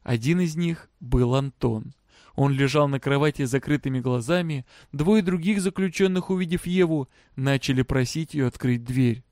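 A man narrating a story aloud in a steady, even reading manner. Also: mid-range voice, moderate pace, dry recording, clean studio sound. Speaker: audiobook narrator.

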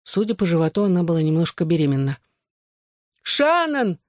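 An audiobook reader giving wry first-person narration in an even manner. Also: mid-range voice, fairly quick, no echo, clean studio sound.

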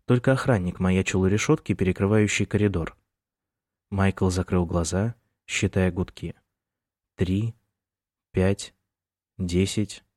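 A male narrator reads a novel in a calm, measured way. His voice is low, and the recording is dry with no room sound. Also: dry recording. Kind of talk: audiobook narration.

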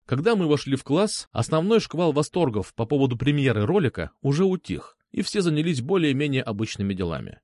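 Man reading a story with lively pitch. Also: fairly quick, few pauses, no echo, studio quality. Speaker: audiobook narrator. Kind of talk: first-person story reading.

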